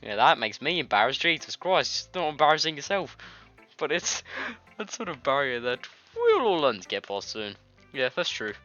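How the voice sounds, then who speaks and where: A man with a fairly high, sing-song voice, pushed and bright at a moderate pace, giggles his way through a casual let's-play, reading visual novel lines and adding his own comments. He's coughing and stuffed up with a nasty cold. Game music sits behind his dull, lo-fi recording.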